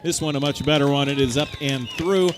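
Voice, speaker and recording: A man's voice: mid-range voice, fairly quick, background noise. A man calling live American football play-by-play as the game's announcer. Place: outdoors at a football stadium.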